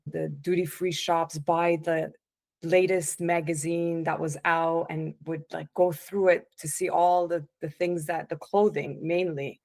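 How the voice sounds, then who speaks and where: A woman coach telling her life story as a podcast guest, in a relaxed, conversational way with frequent restarts. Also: low-pitched, vocal fry. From born in the United States, raised in Italy and Canada. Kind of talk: casual interview chat.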